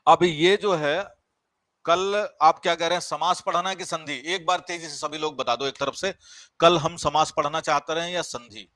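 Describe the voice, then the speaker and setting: A man's voice: on the high side, steady tone, normal speed, pushed and bright, no room sound. A man teaching a grammar class, explaining step by step, repeating key words and asking the class questions. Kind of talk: live online grammar class.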